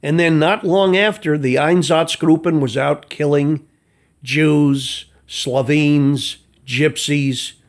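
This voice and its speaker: A man's voice: on the high side, steady tone, slow pace. A man from the United States delivering an angry, profane, mocking rant as a commentator, sarcastic throughout.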